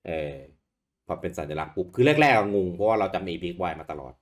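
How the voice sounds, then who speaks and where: A man with a low, deep voice talks through old game hardware in a loose, chatty podcast way. He keeps things relaxed and throws in casual swear words as he goes. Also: quick pace. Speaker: podcast co-host. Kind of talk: casual chat about retro games.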